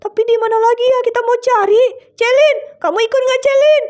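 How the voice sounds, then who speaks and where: A woman voicing an excitable older sibling who pleads and exclaims quickly in a game role-play drama. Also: extremely high pitch. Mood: panicky. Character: panicky older sibling, protective of the family home.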